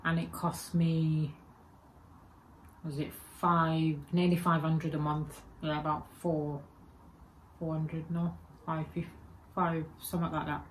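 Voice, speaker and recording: This English vlogger in her forties speaks slowly and pauses often, her low voice holding a level tone. Chatting casually to a webcam or phone camera at her desk in a room with spooky shelves, she rambles and self-corrects in a Birmingham accent with Jamaican and Egyptian traces; the audio is poor with slight background noise.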